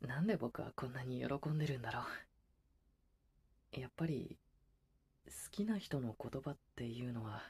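Breathy, tender supernatural young man, ASMR role-play. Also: on the high side, expressive, slow, pauses often, heavily acted. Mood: quietly happy. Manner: soft, tender, breathy, hesitant. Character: gentle, devoted supernatural young man who grants wishes. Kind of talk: ASMR role-play, intimate bedside pillow talk.

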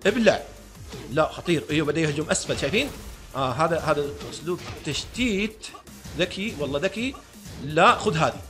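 A man giving excited live commentary on a fighting game, talking to his viewers and taunting his opponent. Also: fairly high pitch. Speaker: gaming YouTuber.

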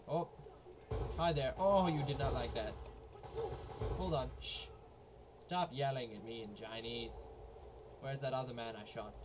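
A man giving jokey, excitable let's play commentary, often repeating himself as he plays. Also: medium pitch. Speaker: gaming YouTuber. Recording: noisy home recording.

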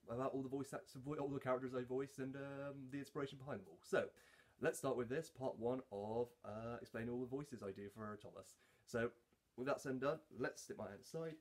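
A man chatting casually to camera as a fan voice actor, rambling and self-deprecating. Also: medium pitch.

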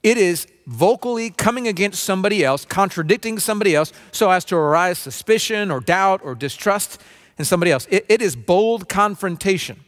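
A man in his forties preaching a sermon from a stage, earnest and conversational, often restarting phrases and mimicking a low grumble. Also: expressive, a little fast. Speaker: pastor. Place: dim stage with spotlights, seated at small table.

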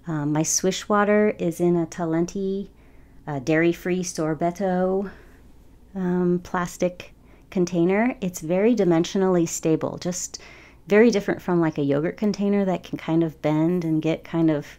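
A woman's voice: on the low side, dark tone. A woman in her forties chatting casually over her painting process, rambling with frequent ums. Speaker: watercolor artist.

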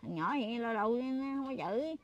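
A woman's voice: fairly high pitch, expressive, a little fast, muffled recording. An elderly woman in her late seventies speaks with a Mekong Delta accent. She sounds tearful and plaintive. She keeps circling back to the same complaints in a street interview. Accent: Mekong Delta Vietnamese. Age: 70s. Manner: plaintive, repetitive complaining, breaks into crying.

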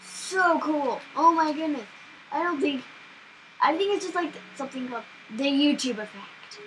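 A high, bright-voiced young woman talks her way through a game. She chats in a loose, excitable way and yelps when something startles her. A faint hum sits under her voice. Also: normal speed, low-quality recording. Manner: chatty, excitable, easily startled. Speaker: gaming channel host. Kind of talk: casual gameplay commentary.

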